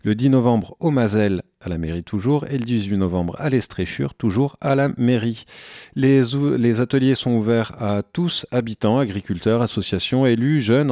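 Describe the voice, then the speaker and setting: A man hosting local radio, reading out an events agenda in a relaxed way with frequent fillers and small self-corrections. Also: medium pitch, normal speed, no room sound, studio quality.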